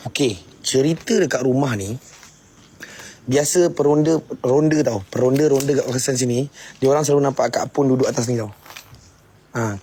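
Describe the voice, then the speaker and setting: A man's voice: mid-range voice, warm tone, slight background noise. A man with a Malaysian Malay accent, a paranormal explorer leading viewers through an abandoned house at night in casual, chatty narration. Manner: chatty, addresses viewers as a gang.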